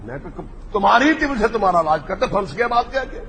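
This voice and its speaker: A man's voice: high voice, big pitch swings, fast talker, fairly bright tone. A man giving a polemical religious speech, mocking and acting out the exchanges he tells. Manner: mocking storyteller, acts out quoted exchanges. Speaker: religious speaker. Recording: echoey hall, faint background noise.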